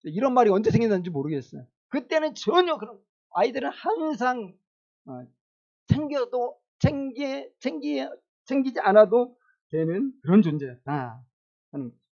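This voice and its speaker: A man's voice: high voice, big pitch swings, a little fast, darkish tone, dull audio. A male pastor preaching a sermon in a casual, conversational way, asking the congregation questions and chuckling now and then.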